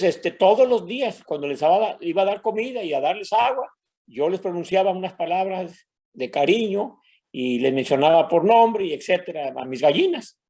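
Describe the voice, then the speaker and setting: An older Mexican pastor, speaking with a Mexican Spanish accent, shares a personal story during a sermon and calls the congregation brothers. His voice sits high and sounds a little mellow.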